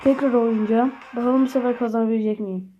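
A woman with a Turkish accent giving live commentary on her own gameplay, swearing and shouting at opponents. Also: fairly high pitch, steady tone, quick pace, dull audio. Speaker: gaming channel host. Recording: faint game music behind.

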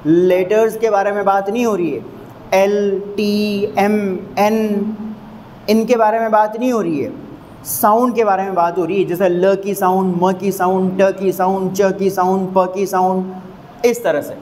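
A man's voice sits high and steady, with a darkish tone, as he explains an English literary term to students in a Hindi accent. He drills sounds slowly, drawing them out and repeating points with emphasis. The audio is poor, with a little hiss or hum.

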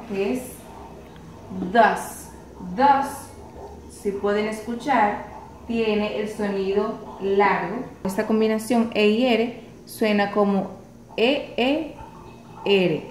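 A woman teaching a pronunciation lesson, slowly spelling out letters and repeating each word with patience. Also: mid-range voice, steady tone, darkish tone, far from the mic. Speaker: English teacher. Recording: roomy echo, voice from afar, faint hiss.

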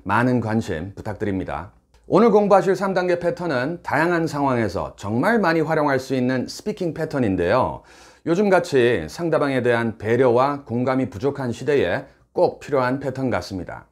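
Lively Korean man teaching English phrases. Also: mid-range voice. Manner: clear, emphatic explaining with English phrases spoken slowly. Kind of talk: scripted lesson narration.

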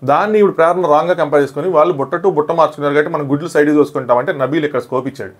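Speaking on the high side, a man breezes through a recap of a reality show episode. His commentary is casual, and he gives quick little performances of the quoted lines.

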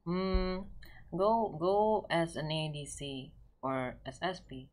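Male game streamer, unhurried, chatty, reassuring, repeats himself. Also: on the high side, animated. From Indonesia. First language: Indonesian. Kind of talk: casual gaming live stream chat.

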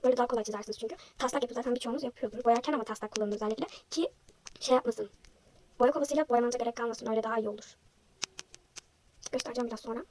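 Young woman, high voice, rapid self-deprecating chatter, a little hoarse, faint noise behind. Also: darkish tone. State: slightly hoarse, sore throat. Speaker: vlogger. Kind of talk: casual chat while drawing.

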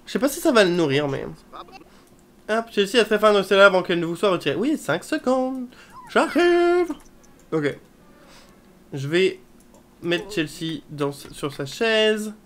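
A woman's voice: fairly low pitch, expressive, moderate pace, long pauses, slight background noise. A woman chatting casually as she plays a life-simulation game, swearing and dropping English exclamations. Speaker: video game let's player. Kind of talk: casual gameplay commentary.

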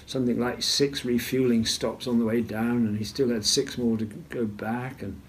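An older man recalls events at a measured storytelling pace in an interview, often clearing his throat. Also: mid-range voice, fairly even intonation. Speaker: retired naval officer interviewee. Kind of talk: interview recollection.

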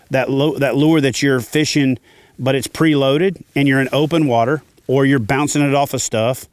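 A man's voice: medium pitch, dry recording. A middle-aged man teaching fishing gear to camera from a kayak on a lake, confident and plain-spoken. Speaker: fishing channel host. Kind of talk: instructional talk to camera. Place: outdoors, seated in a kayak on a lake.

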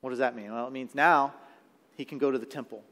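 A man's voice: medium pitch, fairly even intonation, fast, fairly bright tone. A man preaching a sermon live in a church, talking conversationally and checking in with the congregation. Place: church sanctuary. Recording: live sermon with long hall reverb.

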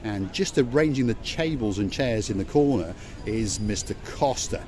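At night on an outdoor harbour promenade, a middle-aged vlog co-host acting as tour guide gives jokey, showman-like walking-tour commentary, chatty and teasing. His voice is on the low side, a little mellow and expressive, at normal speed. He records on a phone held at arm's length, with busy crowd chatter around.

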